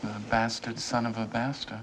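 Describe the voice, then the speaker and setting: An actor playing a restless young adult son, brooding and hesitant. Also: male voice, mid-range voice, flat delivery, moderate pace, a bit bright, slight background noise, natural voice, poor audio. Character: restless young man son, weary, yearning to leave. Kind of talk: stage play acting.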